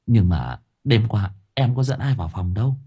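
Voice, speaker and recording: A man's voice: fairly low pitch, lively intonation, normal speed, warm tone, breathy edge. A man voicing a nervous young man who protests in a flustered, raised voice. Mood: protesting.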